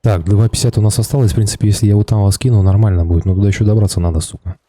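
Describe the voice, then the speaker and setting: A man's voice: fairly low pitch, steady tone, rapid-fire, warm tone, no room sound, clean studio sound. A man giving casual gameplay commentary to teammates in a coarse, street-tough, heavily swearing manner. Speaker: gamer playing a battle royale shooter. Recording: faint background game noise. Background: video game sounds.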